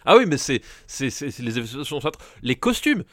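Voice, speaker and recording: A man co-hosting a film podcast in casual chat, animated and stumbling over repeated words as he complains. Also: medium pitch, fast, dry recording, studio quality. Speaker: podcast co-host.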